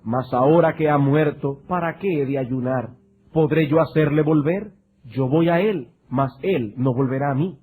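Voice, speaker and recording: A man preaching a sermon, reading scripture and then urging his listeners in an emphatic style with big swings in pitch and loudness. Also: moderate pace, narrow, tinny audio, slight background noise. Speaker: pastor.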